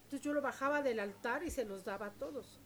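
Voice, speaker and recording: A woman, telling stories in a lively, chatty and devout way during an interview. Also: fairly high pitch, fast talker. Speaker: interviewee, local shop owner. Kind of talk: casual storytelling interview. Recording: street crowd noise behind.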